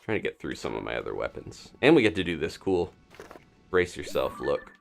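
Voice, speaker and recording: A man with a deep, gravelly voice casually narrates his video game stream, rambling playfully and muttering to himself as he figures things out. His pitch jumps around constantly, and he sounds very animated and brisk, with faint music in the background.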